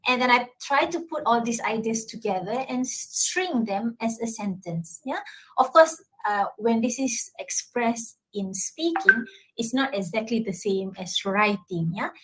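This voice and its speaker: A university lecturer with a Malaysian English accent answers audience questions at a talk, often checking understanding with tags like "yeah?" and "all right?". Her voice sits on the high side and is animated, unhurried and fairly bright. The rough recording carries a slight hiss or hum.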